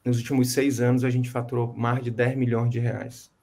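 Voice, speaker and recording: A man's voice: mid-range voice, completely flat delivery, normal speed, dark tone. A man mentoring a client in an online coaching consultation, speaking emphatically and repeating key phrases to drive his point home. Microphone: video call.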